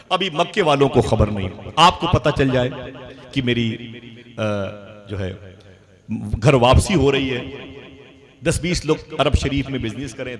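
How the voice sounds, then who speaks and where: A man, preaching a sermon at a public religious gathering, emphatic and asking the audience rhetorical questions. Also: mid-range voice. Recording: live crowd in background.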